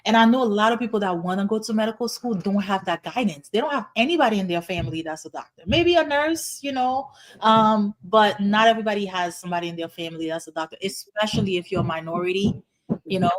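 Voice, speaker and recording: A woman's voice: mid-range voice, fast. A middle-aged woman from Haiti, a hospital physician, answering interview questions in an earnest, explanatory way with frequent "you know"s. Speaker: guest, internal medicine hospitalist.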